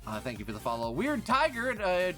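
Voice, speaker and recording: A man's voice: high voice, wildly swooping pitch, brisk, fairly bright tone. Chatty male streamer over faint music. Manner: chatty, reading out follower thanks. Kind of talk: casual live-stream chat.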